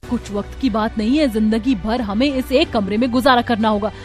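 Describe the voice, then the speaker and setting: Expressive woman acting out cartoon figures. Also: on the high side, fairly quick, faint music behind. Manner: expressive and dramatic, switching between figures. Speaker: voice artist for the animated figures.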